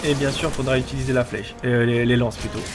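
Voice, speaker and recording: A man's voice: medium pitch, steady tone, fast. A man giving casual, explanatory video game commentary, often asking questions and answering them himself. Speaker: let's player. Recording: loud game music behind.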